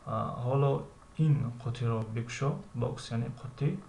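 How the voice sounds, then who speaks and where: A man with a Tajik accent teaching English, reading English lines slowly and explaining them with frequent hesitations. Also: medium pitch, creaky, dark tone. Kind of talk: recorded language lesson. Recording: echoey room with faint ambient noise.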